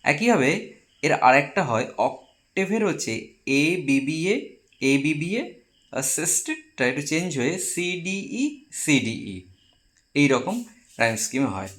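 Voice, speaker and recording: A man teaching a class as a Bengali speaker, explaining step by step and slowing down to spell out English terms. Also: fairly high pitch, expressive, fairly bright tone. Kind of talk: classroom lecture.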